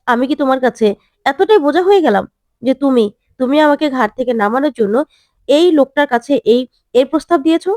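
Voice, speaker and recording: A woman voicing an upset, defiant young woman in a retold TV serial, speaking with indignant, halting restarts. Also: high voice, lively intonation, darkish tone, dry recording, studio quality.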